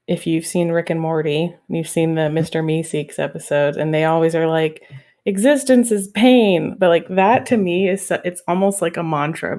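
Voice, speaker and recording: A woman in her thirties chats casually as a podcast co-host. Her voice sits a bit low, and she talks frankly, with frequent laughter. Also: darkish tone. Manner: frank, chatty, laughs often. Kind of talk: casual chat.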